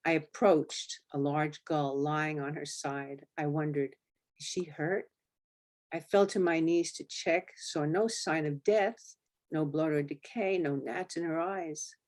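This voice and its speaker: A woman author reading aloud from her memoir at a library talk, in a steady, flat monotone. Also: low-pitched, measured pace.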